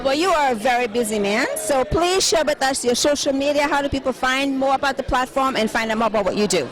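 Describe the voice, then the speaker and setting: A woman with a high voice works a red carpet as interviewer. Her chatter is gushing, upbeat and full of compliments. A busy gala crowd is plainly audible behind her. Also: lively intonation, fast talker, low-quality recording. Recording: loud event crowd behind.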